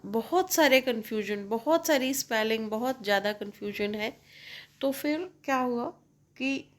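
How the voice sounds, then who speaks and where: Slow-speaking woman teaching English. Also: medium pitch. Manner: slow and explanatory, mixing in English phrases, checks in often. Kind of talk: bilingual classroom explanation.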